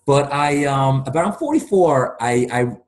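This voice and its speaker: A man's voice: mid-range voice, expressive, moderate pace. Man in his forties, earnest and talkative, chatting over a webcam from a room at home, casual video call. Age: 40s. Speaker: guest.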